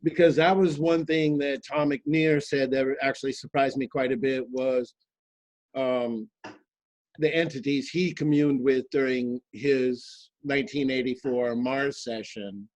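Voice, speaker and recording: A man's voice: mid-range voice, fairly even intonation, measured pace, darkish tone, no room sound, poor audio. A man on a group video call asking the host careful, detailed questions. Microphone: video call mic.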